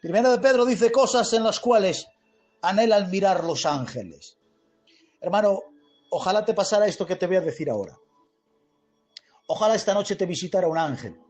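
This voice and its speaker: A man with an Andalusian Spanish accent preaching a sermon, with emphatic, slow, dramatic phrasing. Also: sits high, a little mellow.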